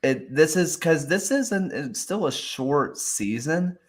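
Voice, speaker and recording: A man's voice: a little high, expressive, slow. A man co-hosting a soccer show in casual chat, hesitant, often trailing off and restarting his thoughts.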